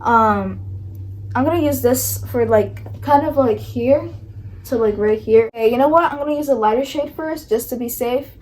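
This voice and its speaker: A young woman vlogger narrates her makeup tutorial in a loose, chatty way. Her voice sits a little high, and she sounds nervous, leaning on likes and ums. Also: normal speed, a little mellow, low-quality recording. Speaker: beauty vlogger. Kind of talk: casual makeup tutorial chat.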